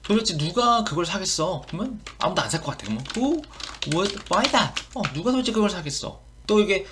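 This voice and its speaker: A man's voice: high-pitched, sing-song, moderate pace, background noise. A man with a Korean accent teaching English expressions in an online lesson, repeating each phrase and explaining it.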